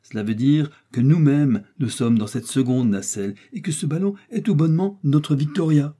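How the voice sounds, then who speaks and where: A man voicing a calm, learned male explorer doctor in an audiobook, explaining in a composed way. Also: on the high side, moderate pace, slightly rough, pitched above the performer's own voice. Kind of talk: audiobook character voice.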